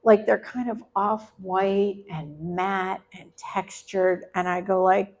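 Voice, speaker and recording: A woman's voice: medium pitch, fairly even intonation, slow pace, darkish tone. A middle-aged woman telling a personal story to a live audience, chatty and conversational with laughing asides. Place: live event venue.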